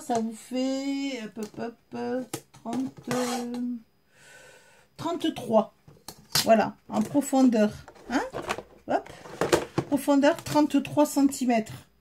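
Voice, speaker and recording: A woman with a Southern French accent chats casually with her viewers while showing off a haul, using lots of fillers. Her voice sits a little high, and there's background noise. She's a haul vlogger talking straight to her audience in a relaxed show-and-tell style.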